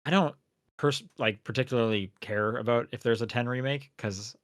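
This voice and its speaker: A man's voice: medium pitch, normal speed, dry recording, clean studio sound. A man co-hosting a casual podcast, talking in a rambling, hesitant way. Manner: rambling, hesitant, lots of fillers and restarts. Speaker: podcast co-host.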